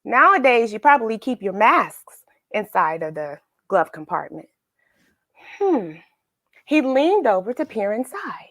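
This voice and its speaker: In a clean studio recording with no room sound, a woman whose voice is a little high brings a children's storybook to life. She hosts the read-aloud emphatically, using dramatic pauses and asking the young listeners questions.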